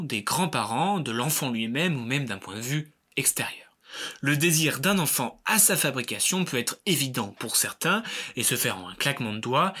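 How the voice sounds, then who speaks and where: A man's voice: mid-range voice, sharp tone, husky. A man hosting a film segment, reading a scripted review with wry joking asides. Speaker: film critic host.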